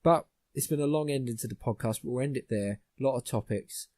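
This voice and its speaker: A man's voice: mid-range voice, a little fast, a little mellow, dry recording. A young man hosting a podcast, ranting bluntly with plenty of swearing in casual chat. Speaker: podcast host.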